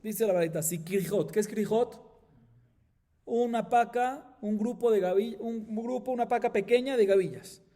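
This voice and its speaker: Speaking in a high, warm voice, the middle-aged Colombian rabbi leads a Talmud class, explaining each point step by step. He frequently asks "¿sí?" to check in with his listeners and chants Aramaic passages quickly.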